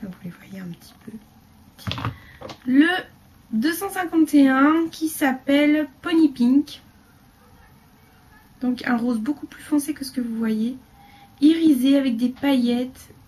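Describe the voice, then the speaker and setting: A woman chatting casually through a beauty haul video, rambling with fillers and dropping into quiet asides. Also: high-pitched, a little slow, long pauses. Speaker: beauty vlogger.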